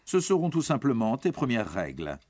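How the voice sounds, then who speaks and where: A man reads scripted educational narration aimed at young teens, over background music, explaining things reassuringly and informally while addressing the listener directly. His medium-pitched voice has a darkish tone, huge pitch swings, and a moderate pace.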